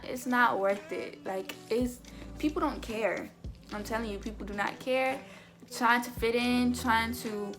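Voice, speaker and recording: Teen girl vlogger, earnest big-sister advice, a bit high-pitched, music bed behind. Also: creaky, fairly bright tone. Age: teens. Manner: chatty, earnest, keeps repeating "sis". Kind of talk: casual advice vlog.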